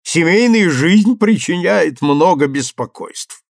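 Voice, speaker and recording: A man doing a hoarse, jolly fat German. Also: on the high side, lively intonation, takes it slowly, no echo, studio quality, voice pushed up, exaggerated voice. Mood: jovial. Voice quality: hoarse, bubbling with joy. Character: fat jovial German print-shop owner, middle-aged.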